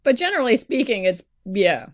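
A woman's voice: on the high side, very animated, brisk. A woman co-hosting a podcast in casual chat, with a wry, informal manner. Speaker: podcast co-host.

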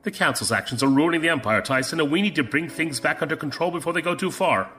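An actor playing a commanding older admiral in an audio drama, measured and conspiratorial, with music behind. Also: male voice, a little high, expressive, pushed and bright. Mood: stern. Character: stern older male imperial admiral, conspiratorial.

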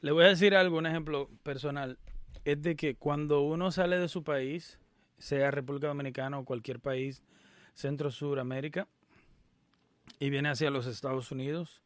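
A man's voice: fairly high pitch, steady tone, normal speed, dry recording. A man giving casual commentary on an interview clip, emphatic and opinionated, stopping to explain and argue his point.

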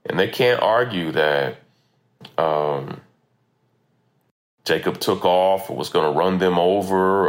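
An American man hosting a podcast, speaking emphatic, impassioned commentary informally, recorded roughly on a phone voice memo. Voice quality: gravelly, creaky low voice. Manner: emphatic, repeats phrases for stress. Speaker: podcast host.

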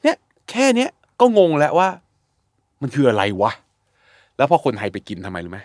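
A man chats casually on a podcast, blunt and animated, swearing now and then and acting out his own reactions. His pitch swings widely, and the recording is dry and close. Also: normal speed, dry recording. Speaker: guest food reviewer.

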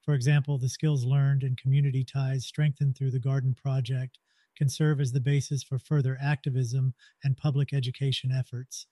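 A man's voice: medium pitch, flat delivery, moderate pace, dark tone, dry recording. A man hosting a podcast, reading a scripted narration in an earnest, explanatory way. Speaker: podcast host.

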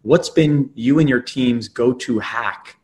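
A man's voice: medium pitch, slow pace, darkish tone. A man hosting an interview, upbeat and full of praise, rephrasing the guest's points. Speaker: podcast host.

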